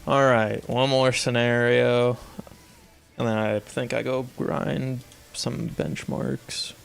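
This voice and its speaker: A young man with a gravelly, creaky voice chats at a home gaming setup, rambling and correcting himself mid-sentence. His pitch sits in an ordinary middle range. Faint music plays behind him. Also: fairly even intonation, slow. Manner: rambling, self-correcting, chatty. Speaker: streamer playing an aim trainer. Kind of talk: casual gaming commentary.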